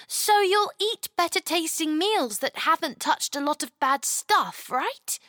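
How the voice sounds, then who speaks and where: A woman's voice: extremely high pitch, animated, unhurried, a bit bright, no room sound, clean studio sound, pitched above the performer's own voice, heavily acted. A woman voicing a curious, eager little girl asking wondering questions.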